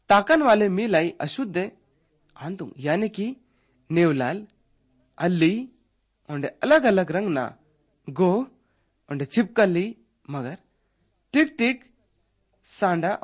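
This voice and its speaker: A man preaching a Bible teaching, listing items slowly and calling his listeners dear brothers. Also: high-pitched, breathy edge.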